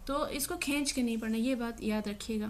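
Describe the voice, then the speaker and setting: Woman, high-pitched, Quran recitation teacher, slow repeated words, brisk explanations. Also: a little hiss or hum. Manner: recites each word slowly twice, then explains quickly. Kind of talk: tajweed lesson with slow drilled recitation.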